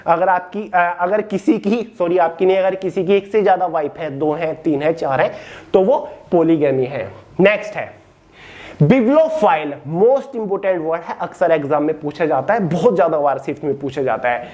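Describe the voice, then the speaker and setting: A man teaching an online vocabulary lesson in Hindi, reading English definitions slowly and calling his listeners friends. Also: on the high side, a little mellow. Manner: addresses listeners as friends and brother. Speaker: exam-prep teacher.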